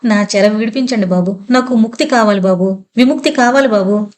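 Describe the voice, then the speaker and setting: A woman's voice: medium pitch, a little fast, a little mellow, natural voice. Brief: a possessed woman's spirit, a grieving mother, faint and solemn, a woman doing the voice. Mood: weak mournful. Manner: weak, solemn, unconscious murmur.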